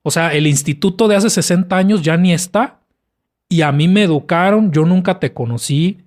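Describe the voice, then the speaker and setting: A man's voice: sits high, moderate pace, darkish tone. A young man with a Mexican Spanish accent, a podcast co-host casually retelling a story in a rambling way, full of slang and fillers. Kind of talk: casual chat.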